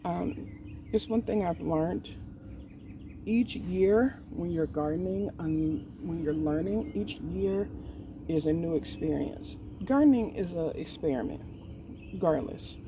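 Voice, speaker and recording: Slow, gravelly woman in her forties. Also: on the low side, distant mic, background noise. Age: 40s. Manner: hesitant, with many pauses and ums. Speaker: vlogger. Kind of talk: candid personal talk. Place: outdoors in a garden. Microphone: poor mic set away from the speaker.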